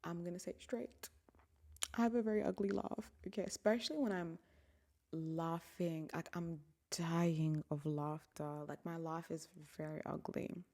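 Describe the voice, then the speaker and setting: Pitched fairly low and dark, this voice keeps a fairly even intonation at a measured pace. It belongs to a young woman from Africa who hosts a solo podcast, musing candidly and reflectively into the mic in a casual monologue that frequently drops almost to a whisper.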